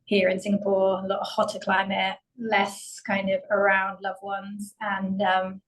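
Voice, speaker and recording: A woman's voice: mid-range voice, monotone, measured pace, fairly bright tone, poor audio. A pregnant woman from the UK, hesitantly explaining her experience in a group. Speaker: workshop participant.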